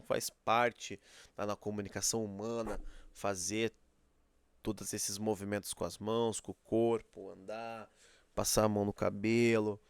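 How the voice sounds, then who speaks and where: A man with a lowish, smooth, resonant voice gives a lecture as a teacher. He explains patiently and keeps checking in with rhetorical tag questions. He acts out little examples as he goes. The recording is dry and close. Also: no room sound. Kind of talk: classroom lecture.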